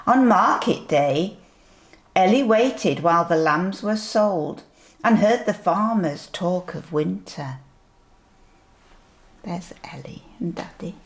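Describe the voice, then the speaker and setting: An older woman with a sweet, grandmotherly manner reads a picture book aloud to young children, gently pointing things out along the way. Her voice sits on the low side and is animated, and she tells the story slowly and deliberately with asides.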